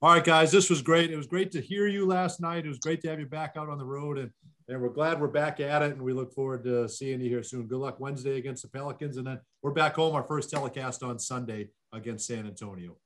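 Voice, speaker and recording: A man hosting a sports podcast in a casual chat, upbeat and quick to joke. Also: mid-range voice, steady tone, fairly bright tone. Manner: upbeat, joking. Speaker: podcast host.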